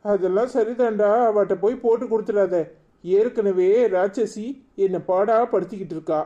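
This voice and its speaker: A woman's voice: mid-range voice, moderate pace, dark tone, highs cut off, close to an everyday voice. A woman voicing a harsh father in a cartoon, blunt and scolding, with a Tirunelveli Tamil accent. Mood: wary. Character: gruff, harsh father and husband.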